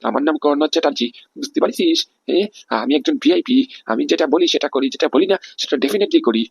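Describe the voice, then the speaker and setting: A man voicing a boastful, scheming male VIP villain in a Bengali animated comedy. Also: on the high side, a little fast, gravelly, slightly rough, no echo, heavily acted. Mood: smug scheming. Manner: swaggering, laughing boasts.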